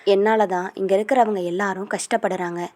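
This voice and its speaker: A woman reading as a quiet heartbroken young wife. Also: medium pitch, steady tone, fairly quick, lightly acted. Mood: subdued. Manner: quiet, subdued, pleading.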